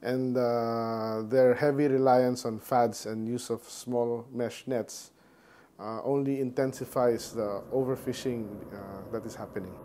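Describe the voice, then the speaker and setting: Man, 40s, executive interview, hesitant, mellow voice, lapel mic, faint hiss. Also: medium pitch, fairly even intonation, measured pace. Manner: hesitant, frequent uh fillers. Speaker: fishing company executive. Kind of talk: interview answers. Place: indoor study with bookshelves.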